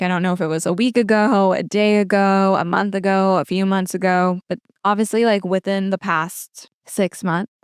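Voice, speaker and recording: A woman's voice: mid-range voice, smooth, dry recording, studio quality. A woman hosting a podcast, chatting casually as she answers listener questions, often using "like" as a filler. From lives in Toronto. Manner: chatty, filler-heavy with frequent "like". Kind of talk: casual advice chat.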